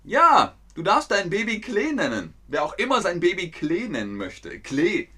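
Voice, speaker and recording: A man giving a playful live-stream lesson to his chat, speaking slowly and clearly. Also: high voice, huge pitch swings, bright, forceful tone. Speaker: German teacher streaming to chat.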